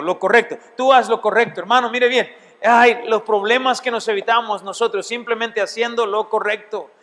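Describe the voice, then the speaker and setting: A man's voice: high-pitched, a bit bright. A middle-aged man, a pastor, teaching a seminary Bible class in an emphatic sermon style, asking his listeners questions. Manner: emphatic, asks the audience questions. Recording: long hall reverb.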